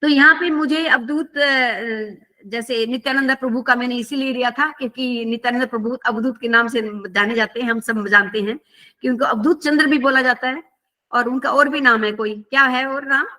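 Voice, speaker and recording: A woman's voice: on the high side, moderate pace, bright, forceful tone. A woman teaching a scripture class, telling a story conversationally and asking her listeners questions.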